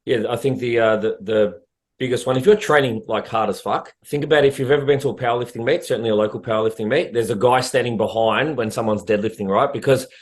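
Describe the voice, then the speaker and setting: A blunt man co-hosting a fitness coaching podcast, speaking quickly in a casual, loose chat. He swears offhandedly and keeps a medium pitch. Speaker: prep coach podcast host.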